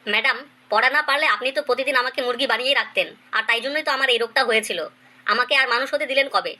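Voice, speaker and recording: Voicing a cheeky pupil in a cartoon comedy sketch, the performer offers pleading, deferential excuses at a very fast clip, using a mid-range voice.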